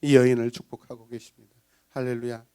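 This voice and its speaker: A man preaching a Sunday sermon as pastor, animated and dramatic, acting out voices and breaking into song. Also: medium pitch, quick pace, clean tone. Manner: animated preaching, bursts into sung praise; acts out villagers' gossip in voices.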